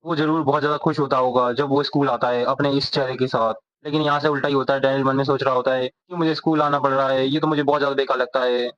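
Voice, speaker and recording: A man narrating a comic's plot as a rapid storytelling recap, voicing each character. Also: mid-range voice, flat delivery, a bit bright. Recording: dull, dry lo-fi recording.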